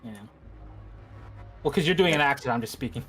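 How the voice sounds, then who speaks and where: A man in casual banter with friends on a gaming stream, telling an animated, complaining story and swearing freely. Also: medium pitch, a little fast, breathy edge. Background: music.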